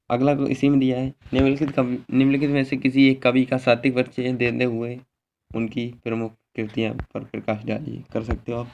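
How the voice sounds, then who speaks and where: A man talks through a model exam paper in a mid-range voice, giving each answer and then repeating it so students can follow. His delivery is steady and methodical, closing points with a quick check word. The recording sounds a little dull and lo-fi, with a faint hiss underneath. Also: medium pitch. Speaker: teacher.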